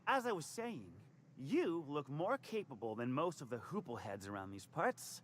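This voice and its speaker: A man's voice: on the high side, big pitch swings, normal speed, slight background noise. An actor playing a slippery, evasive male hustler in a video game, talking in stammering, wheedling sales patter. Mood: flustered. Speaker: game character.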